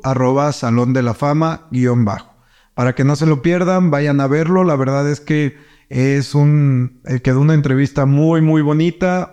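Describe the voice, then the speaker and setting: A man's voice: fairly high pitch, dark tone, smooth. A man, hosting a sports interview show, chatting casually and upbeat as he promotes the next episode, often stopping and restarting his sentences. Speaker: host.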